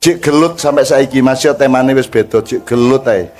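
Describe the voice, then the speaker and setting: A man's voice: medium pitch, moderate pace, a little mellow. Older East Javanese man preaching folksy. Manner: joking, conversational, mixes languages, asks the crowd questions. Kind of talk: folksy religious talk to a crowd.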